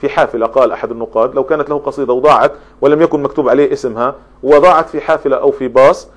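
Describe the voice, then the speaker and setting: Fast-talking male lecturer. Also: mid-range voice, steady tone. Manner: explanatory, lists examples, frequent restarts. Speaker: literature lecturer. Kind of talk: spoken lecture on poetry.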